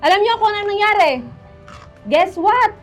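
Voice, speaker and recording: A middle-aged woman tells her testimony in a very high voice, acting out her calls to clients and asking her listeners to agree with her. She breaks into sung worship lines as she preaches, with faint music underneath. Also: normal speed. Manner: animated storyteller, acts out phone calls, asks crowd "Tama?"; sings worship lines mid-talk. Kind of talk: Taglish testimony sermon.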